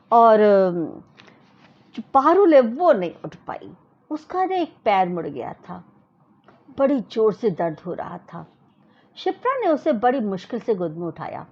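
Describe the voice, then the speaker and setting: An expressive woman narrates a children's story in a high, bright-pitched voice. Her delivery is animated and full of swooping melody. The recording sounds muffled and lo-fi. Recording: dull lo-fi recording.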